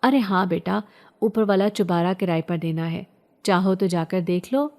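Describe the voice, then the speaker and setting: A bossy middle-aged aunt, read by a woman narrator, brisk and scolding, speaking up a little. The voice is warm, a horror storybook relative. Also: fairly low pitch, fairly even intonation, natural voice.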